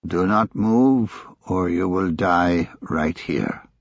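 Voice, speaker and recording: A man's voice: low voice, creaky, dry recording, dull audio, exaggerated voice. A man doing a menacing gunman with a Chinese accent. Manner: slow, clipped menacing commands. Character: armed male gunman, cold and threatening.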